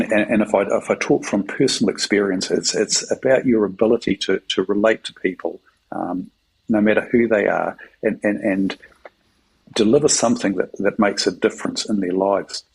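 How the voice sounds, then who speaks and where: A middle-aged man from New Zealand, a military chaplain, telling a story in a halting, filler-heavy conversational way with a New Zealand accent. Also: lowish voice, gravelly, breathy edge, low-quality recording. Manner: halting, many fillers and repeated words.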